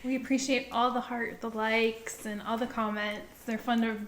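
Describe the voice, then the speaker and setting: A woman's voice: on the high side, little pitch movement, moderate pace, a little hiss or hum. An American woman chatting casually as a podcast co-host. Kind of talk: casual chat. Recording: echoey room.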